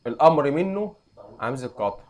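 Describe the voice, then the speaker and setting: A young adult man with an Egyptian accent, teaching an Arabic grammar lesson and quizzing students with quick questions. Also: a little high, lively intonation, a little mellow. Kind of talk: classroom lesson.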